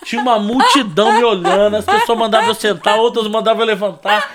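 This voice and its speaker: A young Brazilian man telling a dramatic story in casual chat, exaggerated and animated, shrieking when he quotes people. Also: sits high, fast talker, slight background noise. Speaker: storyteller guest.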